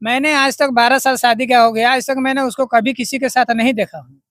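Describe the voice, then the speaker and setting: A man's voice: very high-pitched, fairly even intonation, fairly quick, a bit bright, no room sound, studio quality. A man from Bihar answering a reporter's questions about his missing wife, speaking plainly and repeating himself earnestly. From Bihar, India. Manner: plain, repetitive, earnest telling. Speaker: husband of missing woman, interviewee. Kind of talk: street interview.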